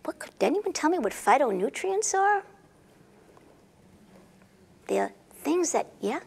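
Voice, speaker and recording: A woman storyteller spins a comic fairy tale for a live crowd, playful and theatrical, pausing to quiz her listeners. Her voice is high and swoops all over, with a gravelly rasp underneath. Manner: animated and playful, quizzing the audience. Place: rehearsal and recording studio with a live audience.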